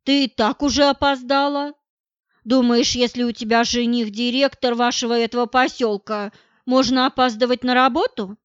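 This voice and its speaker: A woman's voice: fairly high pitch, steady tone, moderate pace, clear, resonant tone, dry recording, lightly acted. A woman voicing a worried, insistent middle-aged mother who presses with questions, in a dull, dry recording.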